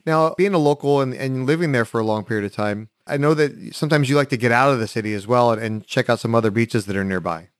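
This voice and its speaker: A man hosts a casual interview at a brisk pace. He keeps the talk moving with quick agreements and follow-up questions. The recording is dry, with no room sound. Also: medium pitch, dry recording. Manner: quick, affirming, asks follow-ups. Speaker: interview host.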